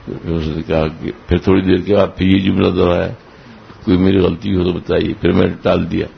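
A man slowly recounting memories of his spiritual master to a gathering, in an unhurried, halting way with restarts and small chuckles. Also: low-pitched, little pitch movement, vocal fry. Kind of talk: anecdotal storytelling to a gathering. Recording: dull lo-fi recording with faint hiss.

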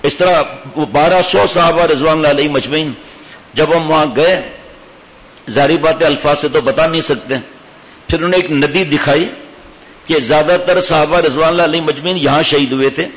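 A man's voice: a little high, fairly even intonation, a bit bright. Preacher man in an echoing hall. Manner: rhetorical questions to the congregation, pious phrases. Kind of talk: sermon. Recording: dull, long-reverb hall recording.

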